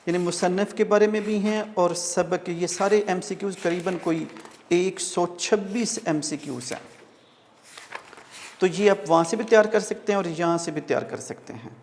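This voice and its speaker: A male teacher lecturing, who explains word meanings and pronunciation step by step and often pauses on fillers. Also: high voice, a little mellow, long reverb tail, slight background noise. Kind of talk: classroom lecture explaining an Urdu text.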